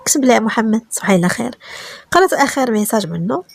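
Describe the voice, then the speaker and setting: Moroccan lady reading a love story quick, dry close sound. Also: on the high side, creaky, husky, no echo. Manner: brisk, steady narration with quoted chat lines read in turn. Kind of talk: reading a romance story aloud.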